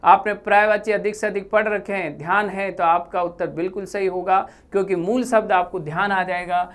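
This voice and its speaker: A woman teaching Hindi grammar, explaining deliberately and repeating key terms while pointing to examples on a board. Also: medium pitch, fairly even intonation.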